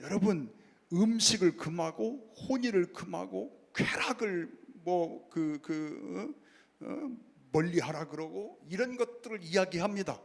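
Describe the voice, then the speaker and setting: In a church sanctuary, a male pastor with a high voice preaches a sermon that echoes through the large hall. He frequently calls out to the congregation and answers his own questions.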